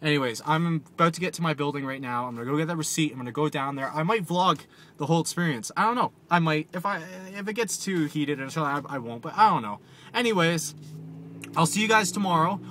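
A man's voice: fairly high pitch, lively intonation, fast, a bit bright. A man vlogging from his car, angry and swearing, repeating himself as he rants. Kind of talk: angry vlog rant. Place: in a vehicle, driving. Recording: noisy car recording. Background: vehicle noise.

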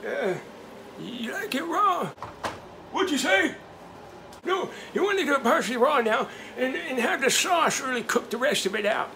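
A man's voice: very high voice, expressive, normal speed, gravelly, sharp tone, far from the mic, a little hiss or hum, full character voice, poor audio. A middle-aged man playing a silly, distracted old grandpa who cooks in his home kitchen and keeps stumbling over his words. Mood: goofy. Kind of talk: comedic cooking vlog. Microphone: handheld phone camera.

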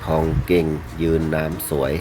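A man presenting items for sale in a video, speaking politely in short, halting phrases over music. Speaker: fish seller presenting betta fish for sale. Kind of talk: unhurried sales video narration. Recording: music playing behind the voice.

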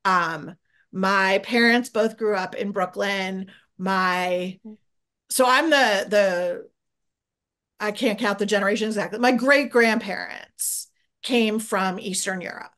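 Middle-aged woman from New York, guest on a call: chatty, animated, laughs easily, lots of restarts. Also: medium pitch, slow pace. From suburbs of New York City. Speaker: guest historian. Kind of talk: casual conversation. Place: home office with bookshelves. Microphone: video call.

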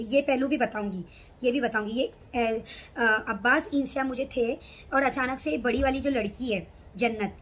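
A woman's voice: high-pitched, a little hiss or hum. A middle-aged woman vlogger telling an agitated personal story to the camera. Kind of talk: emotional personal account to camera.

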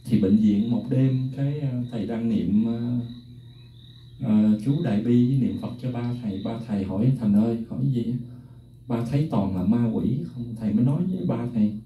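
A man's voice: mid-range voice, moderate pace, narrow, tinny audio. A middle-aged man, earnestly telling personal stories and addressing his viewers directly. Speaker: music teacher sharing personal stories. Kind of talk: emotional personal talk to viewers. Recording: roomy echo, distant mic, faint noise.

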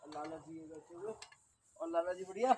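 Speaking at normal speed in a slightly high voice with a darkish tone, a thirties-aged truck driver narrates a casual travel vlog into his phone at arm's length. He's chatty, calling viewers "brother" and "friends," and the noisy outdoor footage comes from roads, trucks and highway stops.

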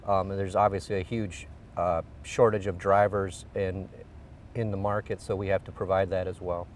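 A man's voice: deep voice, little pitch movement, moderate pace, distant mic, a little hiss or hum. A middle-aged man, an engineering executive, explaining a product in an outdoor on-camera interview with frequent fillers. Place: outdoors beside a car. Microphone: lapel.

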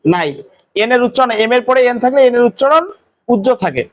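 A man teaching an English pronunciation lesson to a class, quizzing students with quick questions. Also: very high-pitched, lively intonation, lo-fi sound.

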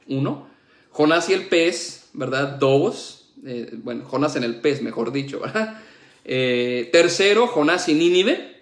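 A man teaching a Bible study, checking in with his listeners with frequent tags and rising emphasis. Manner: frequent "¿verdad?" and "¿ok?" tags, lively pitch. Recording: echoey room.

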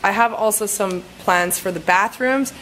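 A woman's voice: mid-range voice, normal speed, a bit bright, a little hiss or hum, poor audio. Chatty woman vlogging from her garden. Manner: chatty, rambling with frequent "like". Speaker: travel vlogger. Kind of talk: casual vlog walkthrough. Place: outdoor garden courtyard of a house. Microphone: phone camera at arm's length.

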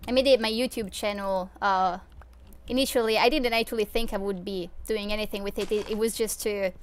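A young Swiss woman streams a game from her home room, chatting casually into a desk microphone. Her mid-range voice is steady and a little fast, and she rambles with lots of fillers and little laughs.

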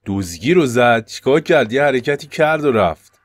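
A man with an Iranian Persian accent doing let's-play commentary as a gaming YouTuber. He swings between loud panicked yelps and hushed, tense muttering. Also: medium pitch, expressive, no echo.

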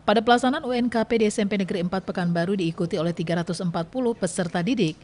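A woman reading a news report as a voice-over, brisk and even in the manner of a newsreader. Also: medium pitch. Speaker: news narrator.

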